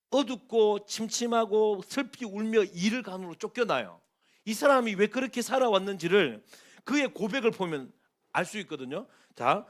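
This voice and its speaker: Animated pastor with a bright, lively voice. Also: male voice, high-pitched. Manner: animated, acts out quoted speech, rising loud then dropping soft. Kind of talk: sermon. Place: church sanctuary.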